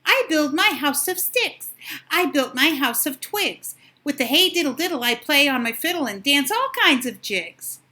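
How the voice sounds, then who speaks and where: A woman's voice: very high voice, lively intonation, normal speed, pushed and bright, pitched above the performer's own voice, heavily acted. A woman voicing carefree, boastful young male little pigs in a storybook, with a singsong, squealing manner. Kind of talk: storybook character voices.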